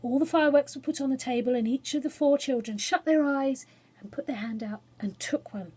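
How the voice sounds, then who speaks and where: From a small spare room study at home, an English woman reads a children's storybook aloud and chats casually, poking fun at herself and keeping explanations simple. She speaks a little fast in a high, husky voice with a darkish tone.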